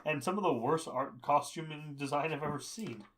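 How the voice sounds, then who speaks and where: A man's voice: on the high side, normal speed, fairly bright tone, a little hiss or hum. A man co-hosting a podcast, recapping a film in a dry, wry casual way. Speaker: podcast co-host. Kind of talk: casual movie chat.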